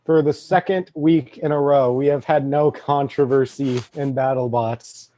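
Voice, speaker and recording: A man's voice: medium pitch, fairly even intonation, unhurried, warm tone, rough recording. A man giving casual commentary as a co-host.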